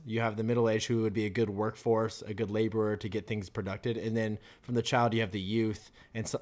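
A young man with a lowish, slightly mellow voice chats casually at a table in a shared house. He thoughtfully poses questions and muses aloud.

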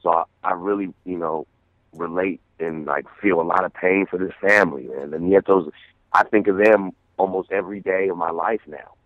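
Deep-voiced man on a tinny phone line. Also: moderate pace, dry recording. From San Francisco, USA. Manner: earnest, repeats words while thinking. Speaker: guest artist. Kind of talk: casual radio interview.

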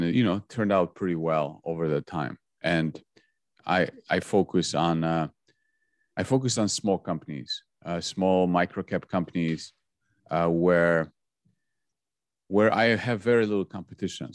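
A man in his forties speaks English with a Polish accent and a very deep, low voice. He explains things in a measured way, often repeating words as he goes. The sound is dry and close. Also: dry recording. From Poland. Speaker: guest investor. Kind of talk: podcast interview.

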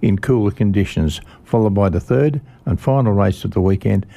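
An Australian man hosting a radio motorsport show, reading out race news in a halting way and repeating the odd word. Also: lowish voice, vocal fry, dark tone. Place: radio studio.

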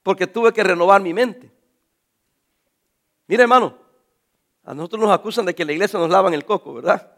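A pastor preaching a sermon, animated, calling his listeners brothers and acting out the voices of people in his stories. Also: high voice, normal speed, gravelly, long pauses. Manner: acts out quoted voices.

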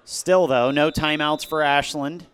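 A man calling live football play-by-play, snapping out each snap, pass and gain as it happens. His voice is smooth and resonant and sits a little high. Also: fairly even intonation, unhurried, a bit bright. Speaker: play-by-play announcer.

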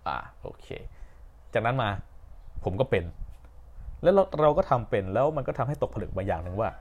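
Young man, podcast host, casual storytelling, rambling, self-correcting, somewhat low voice. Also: very animated, a little fast, darkish tone, muffled recording.

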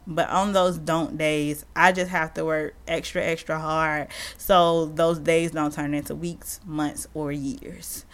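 A woman's voice: lowish voice, fairly bright tone, smooth. A woman hosting her own podcast alone, talking casually and encouragingly to her listeners and calling them y'all. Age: adult parent. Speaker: podcast host. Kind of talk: casual solo podcast talk.

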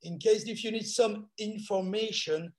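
A French man speaking English with a French accent on a video call, halting and repeating himself. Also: high-pitched, a little mellow. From France. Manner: halting, repetitive phrasing with non-native grammar. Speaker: real estate agent.

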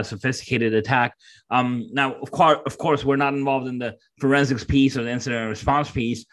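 Man hosting a podcast, halting delivery. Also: medium pitch, a bit bright. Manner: halting, many fillers and restarts. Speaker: podcast host. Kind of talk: casual podcast chat.

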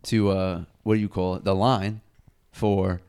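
A man's voice: low-pitched, unhurried, clear, resonant tone. A man casually telling a long story on a podcast, swearing constantly and saying "dude" and "bro". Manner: profane, animated storytelling with lots of "dude" and "bro". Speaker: podcast co-host.

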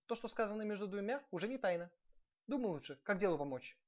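A man voicing a sharp-tongued princess who scolds her husband. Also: high-pitched, expressive, voice pushed up. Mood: scolding. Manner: raised, quick and reproachful. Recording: dull lo-fi recording.

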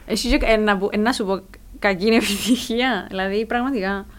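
A woman's voice: medium pitch, fairly even intonation. A woman with a Cypriot Greek accent chatting casually as an interviewer.

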